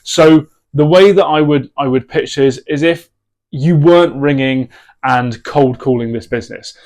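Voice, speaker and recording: A man's voice: mid-range voice, a little slow, a little mellow. A man teaching how to get past gatekeepers on sales calls, speaking directly and conversationally with frequent fillers. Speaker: sales coach. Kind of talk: talking-head sales tips.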